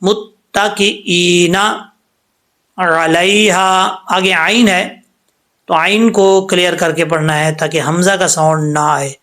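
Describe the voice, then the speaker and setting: A man. He explains each rule step by step in a patient, steady way. Then he draws each word out slowly for students to copy. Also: fairly high pitch. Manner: explains rules patiently, then slowly recites words aloud. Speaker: Quran tajweed teacher. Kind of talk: word-by-word recitation lesson.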